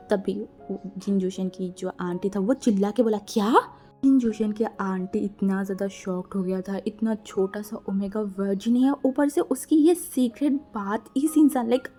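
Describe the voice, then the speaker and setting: A woman tells a fan-fiction story in a casual, chatty manner, sprinkling in English words and fillers. Her voice sits slightly high with a mellow, dark tone. Soft music plays faintly in the background. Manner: casual Hindi-English mixed narration, frequent fillers.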